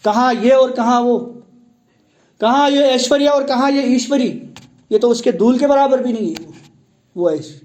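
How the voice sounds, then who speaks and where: A male teacher lectures a class in a high, lively voice. He keeps asking students questions and repeats the key words back to them. He defines terms as he goes and slips in English words. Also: long pauses. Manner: explains word meanings, mixing in English terms. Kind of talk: classroom lecture explaining a text.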